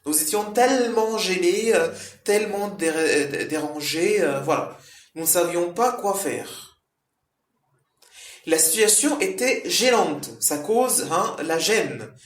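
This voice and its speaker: Guy teaching french words, kinda high voice, repeats everything w lots of "hein", echoey room. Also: animated. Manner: slow, repetitive explaining with frequent "hein" and "euh". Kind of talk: explaining vocabulary to learners.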